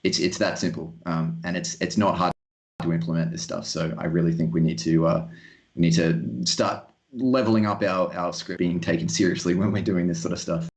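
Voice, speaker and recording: A man appearing as a guest expert in a casual tech chat, earnest and halting, often repeating words. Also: sits low, steady tone.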